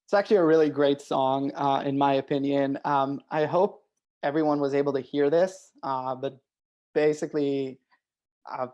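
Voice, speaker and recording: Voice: medium pitch, fairly even intonation, moderate pace, a little mellow, muffled recording. A guest speaking in a casual webinar discussion over a video call, hesitant with many ums and uhs.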